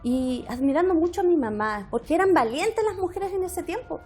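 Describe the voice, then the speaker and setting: A woman in her fifties from Chile, a parliamentarian guest who talks about her life thoughtfully, often pausing and rephrasing. Her voice sits high, and faint music plays underneath. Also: lively intonation. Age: 50s. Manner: warm reflective storytelling, frequent hesitations. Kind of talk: conversational interview.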